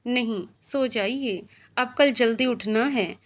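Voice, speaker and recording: A woman voicing a kind young wife who speaks gently and reassuringly. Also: fairly high pitch, slow. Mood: gentle.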